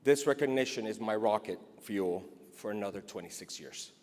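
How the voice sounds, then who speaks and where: With a fairly low, expressive voice at normal speed, a middle-aged Cuban man gives an emotional, earnest acceptance speech, partly read from notes. The recording, made in a large indoor awards hall, has long reverb and background noise.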